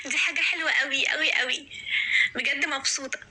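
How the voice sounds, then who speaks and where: A woman's voice that comes out of a gender swap voice changer app, saying short soft and flirty sample phrases, played back through a phone speaker. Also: high voice, a little hiss or hum, rough recording. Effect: gender swap voice changer app output.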